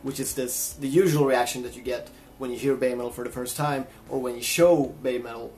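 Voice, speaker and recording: A man's voice: mid-range voice, fairly even intonation, brisk, a little mellow. A man from Sweden, telling a personal story in a casual, reflective vlog. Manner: reflective, chatty. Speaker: vlogger and guitarist.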